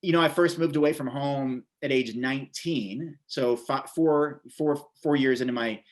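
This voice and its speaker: With a mid-range voice and moderate pace, a man in his forties from America chats as an interview guest. He's a vegan bodybuilder and author, and his casual storytelling wanders and repeats words.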